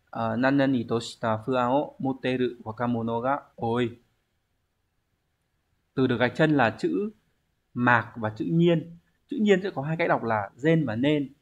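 A man, teaching a language exam review lesson, explaining step by step and answering his own questions. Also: mid-range voice.

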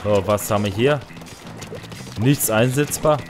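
A man giving casual, excitable commentary while playing a video game online, with sudden loud high outbursts. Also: measured pace. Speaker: gaming let's player. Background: faint game music.

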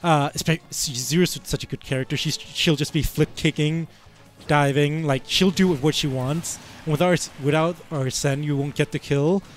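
Faint music sits behind a man whose slightly high voice stays steady at a normal speed as he commentates a fighting game match through a headset. The Icelandic esports commentator is giggly, playful, rambling, and laughs a lot.

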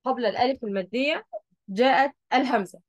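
A woman's voice: a little high, fast, no room sound, lo-fi sound. A woman with an Egyptian Arabic accent, patiently explaining a Quran recitation rule and checking that her students follow along. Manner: patient, repeats key points, checks understanding. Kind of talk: explaining a lesson at a board.

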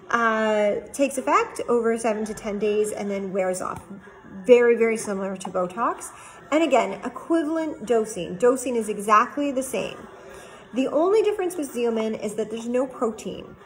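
A woman's voice: on the high side, animated, moderate pace, low-quality recording. A woman doctor explaining cosmetic treatments to camera in a friendly, plain-spoken way, using everyday comparisons.

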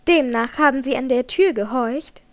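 In an audiobook, a woman reads a troubled young singer, tense and trembling under pressure. Her voice sits fairly high and carries a brittle edge. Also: normal speed, lightly acted. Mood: tense defensive. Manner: tense, trembling, icy at times. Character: young female opera singer, troubled and evasive. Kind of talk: audiobook character reading.

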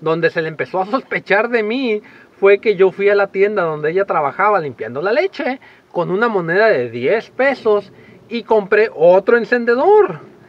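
Animated guy telling stories. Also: sits high, normal speed, lo-fi sound. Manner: animated, acts out voices and shouts in his stories. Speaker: vlogger. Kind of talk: casual storytelling to camera.

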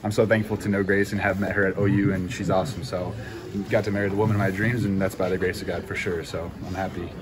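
A young college football punter answers reporters after a game, talking quickly, upbeat and grateful, in a low voice with little pitch movement. Handheld recorders and phones are held close in a busy interview area, and background noise is heavy.

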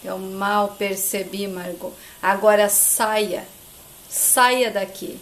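A woman's voice: mid-range voice, fairly even intonation, takes it slowly, a little hiss or hum, pitched below the performer's own voice. A woman voicing a bitter grown son who coldly accuses his mother. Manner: cold, accusing, repeats her name.

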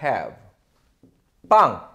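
A man with a Korean accent teaching an English lesson, drilling phrases slowly and explaining with animated delivery. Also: medium pitch, muffled recording.

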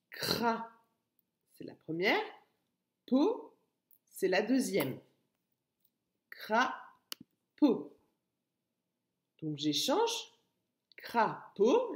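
A woman teaches a phonics lesson to small children. She speaks slowly, and her voice rises and falls in a sing-song way as she stresses each syllable. The sound echoes around the room. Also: medium pitch. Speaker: kindergarten teacher. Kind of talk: slow, deliberate phonics lesson for young children.

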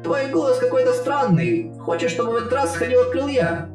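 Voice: mid-range voice, wildly swooping pitch, fairly quick, reverberant, music in the background, voice pushed up. A reader voicing a friendly young male dragon whose voice comes from a distance through a speaking tube, in an audiobook of fan fiction. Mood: concerned. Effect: voice coming through a speaking tube, distant.

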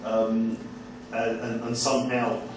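A man, a university lecturer, making a measured, hesitant comment from the audience at a seminar in a small room. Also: medium pitch, monotone. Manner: measured, hesitant with many ums. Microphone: far room camera mic. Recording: echoey room from far off, background hiss.

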